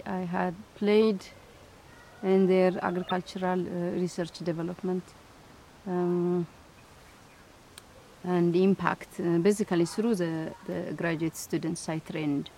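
A middle-aged woman scientist from Ethiopia, answering interview questions thoughtfully with many pauses, fillers and restarts. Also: fairly low pitch, darkish tone. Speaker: scientist and institute director.

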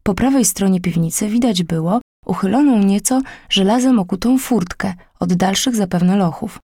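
A woman narrating an old tale as an audiobook, in a measured, dramatic storytelling manner. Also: medium pitch, mellow, slightly rough.

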